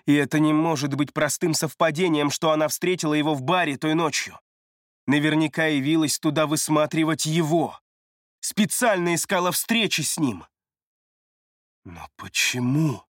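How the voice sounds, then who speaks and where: A man steadily narrating a thriller audiobook in a measured storytelling manner. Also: fairly high pitch, dry recording. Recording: dry close studio read.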